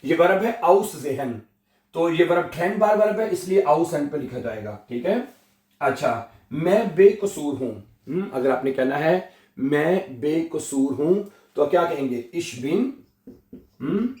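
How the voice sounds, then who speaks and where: A man teaching German in a slow lesson, drawing out words and often checking with the learner. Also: fairly high pitch, expressive, darkish tone, roomy sound. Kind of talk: slow spoken language lesson.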